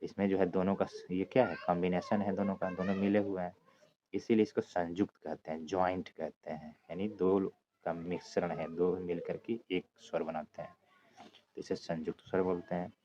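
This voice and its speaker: A male teacher with a very deep voice explains grammar patiently, one step at a time. He keeps checking that his students are following him. The recording sounds dull and lo-fi, and a steady noise runs underneath it. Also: normal speed. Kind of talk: Hindi grammar lesson for exam students.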